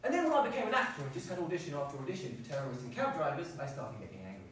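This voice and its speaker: A man performs a solo comedy set in a theatre, his storytelling animated and mock-earnest. His voice runs high and bounces around the room. The mic sits far back, with a faint hum underneath. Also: racing. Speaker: stand-up performer. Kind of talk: live solo comedy show. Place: theatre stage. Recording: echoey stage, far-off mic.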